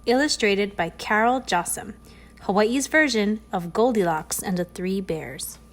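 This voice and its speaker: Woman reading a children's storybook aloud. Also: mid-range voice. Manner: expressive, slows on key phrases. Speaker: storybook reader. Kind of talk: storybook read-aloud narration.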